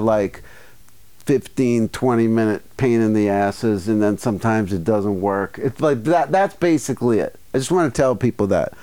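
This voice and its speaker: A man with a smooth, resonant voice chats on a podcast. He rambles through stories and breaks into little acted asides along the way. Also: mid-range voice, a little mellow. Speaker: podcast co-host. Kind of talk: casual chat.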